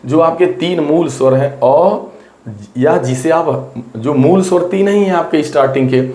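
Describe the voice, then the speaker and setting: A man's voice: a little high, mellow. Man teaching a grammar lesson, roomy echo. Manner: explains step by step, repeats points, addresses students directly. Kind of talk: exam-prep grammar lesson.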